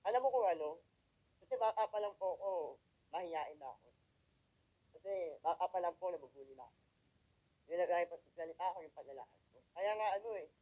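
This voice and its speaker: A man from the Philippines with a high-pitched voice tells his story to a live audience in an emotional testimony. He speaks straight to the crowd with pointed rhetorical questions. He jumps from loud, emphatic lines to quiet, hushed ones. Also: poor audio. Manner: swings between loud emphatic lines and quiet near-whispers. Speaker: motivational speaker at a company event.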